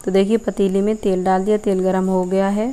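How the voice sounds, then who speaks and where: A woman's voice: medium pitch, little pitch movement, brisk, warm tone, slight background noise. Young village woman narrating her cooking. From Uttar Pradesh, India. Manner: plain step-by-step explaining. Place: rural courtyard, outdoors.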